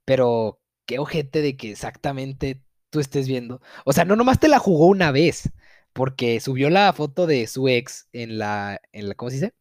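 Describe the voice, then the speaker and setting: A man's voice: medium pitch, sing-song, moderate pace, a little mellow, no echo, clean studio sound. A young man with a Mexican accent tells a viewer's story in a casual, profane, mock-outraged way, with frequent laughter.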